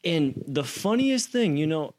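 A man's voice: a little high, very animated, a little slow, darkish tone. A young man casually telling a story as an interview guest, acting out quotes with slang and swearing.

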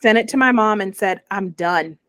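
A woman's voice: mid-range voice, normal speed, no echo. A young woman, telling a personal story in a casual interview and acting out the voices she quotes. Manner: animated, acts out quoted voices. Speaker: guest sharing her story.

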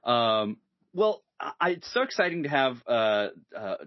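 A man hosting a podcast in casual chat, animated and hesitant with many fillers, laughing easily. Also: mid-range voice, unhurried, dry recording. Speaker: podcast host. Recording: dull lo-fi sound, dry.

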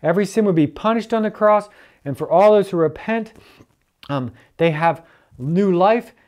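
Church elder, earnest preaching, repeats for emphasis, very lively intonation. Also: mid-range voice, normal speed.

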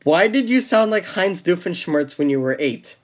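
A man's voice: sits high, expressive, moderate pace. A young man co-hosting a casual podcast chat, rambling with frequent restarts and fillers. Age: young adult. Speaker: podcast co-host.

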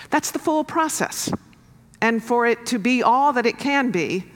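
A woman pastor delivering a sermon in a measured, earnest way, building to emphatic rises. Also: mid-range voice. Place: church sanctuary. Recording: long reverb of a church hall.

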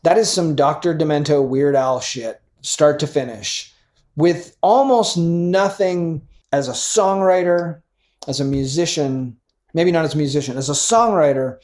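A middle-aged man in casual chat about music, animated and rambling, swearing freely and trailing off into fillers. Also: on the high side.

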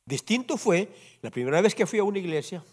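A man preaching a sermon in church with a high voice that swoops and climbs all over. He keeps turning to the congregation for agreement, animated and conversational. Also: fairly quick. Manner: animated preaching, constantly asks the congregation "¿verdad?". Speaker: pastor. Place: church service before a congregation.

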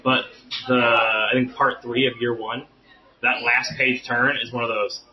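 A man talking informally about comic books as a podcast guest, halting a little and repeating his phrases. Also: medium pitch, flat delivery, sharp tone, dull audio, faint music behind.

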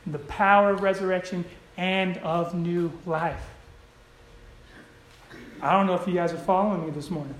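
A male pastor preaching a sermon. He keeps checking in with the congregation and swings from quiet asides to loud, shouted calls. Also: high-pitched. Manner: checks in with the congregation, asking "right?". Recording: echoey room.

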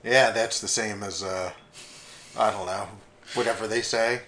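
A man's voice: lowish voice, fairly even intonation, measured pace, fairly bright tone, a little hiss or hum. A young man co-hosting a casual comedy podcast, rambling and joking, often swearing and mimicking people he tells about. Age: young adult. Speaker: podcast co-host.

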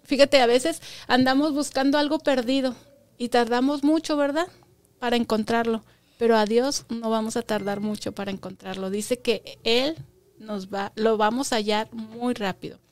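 A woman's voice: on the high side, steady tone, normal speed, no echo. A woman teaching a Bible lesson to children, patiently asking them questions and stressing key words by repeating them.

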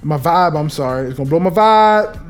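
A man hosting a podcast, talking in a casual, profane and animated monologue. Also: on the high side, moderate pace, faint music behind. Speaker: podcast host.

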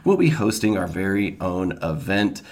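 A man's voice: deep voice, very animated, moderate pace, darkish tone. A man hosting a podcast who sounds stuffed up and nasal from a cold, talking in an upbeat, casual way. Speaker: podcast host. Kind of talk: casual chat.

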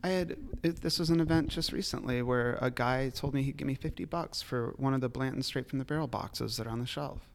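Fairly quick and barely pausing, a liquor retailer talks in a creaky, medium-pitched voice during a relaxed podcast conversation. He's the guest, a rambling storyteller who laughs a lot and swears.

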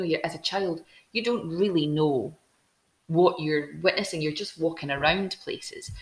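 This is a Scottish woman with a deep, low voice, speaking in a casual and enthusiastic way and circling back to restart her thoughts. Her voice rings in a roomy, echoey space. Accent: Scottish, Glasgow. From Scotland. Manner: enthusiastic, storytelling, with frequent restarts. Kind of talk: casual chat.

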